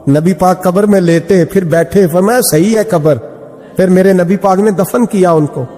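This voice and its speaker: A man's voice: sits high, dark tone. A man preaching an emotional sermon, telling a story and singing verses in a melodic chant. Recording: long hall reverb with faint music.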